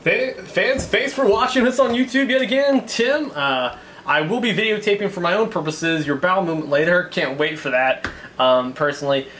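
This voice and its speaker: A man's voice: high-pitched, moderate pace, a bit bright. A man hosting a casual food challenge web show, speaking in a wordy, mock-formal way. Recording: clearly noisy background.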